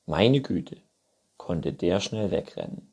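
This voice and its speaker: A man's voice: deep voice, sing-song, slow, gravelly, dark tone, husky. A man reading a children's book aloud in a playful storytelling manner. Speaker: reader.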